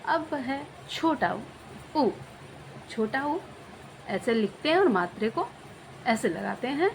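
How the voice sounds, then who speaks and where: A woman with a fairly high voice explains how Hindi vowel signs are written. She draws out each sound slowly and repeats sample words the way a teacher does for children. A faint hum runs under the recording. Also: low-quality recording. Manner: slow, drawn-out demonstration of sounds, repeating example words.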